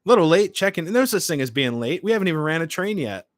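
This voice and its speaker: A man's voice: on the high side, big pitch swings, fast talker, no room sound. Casual young male livestreamer, dry close sound. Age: late 20s. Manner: chatty, informal, hops between short remarks. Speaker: livestream host. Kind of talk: casual livestream chat, reading and answering comments.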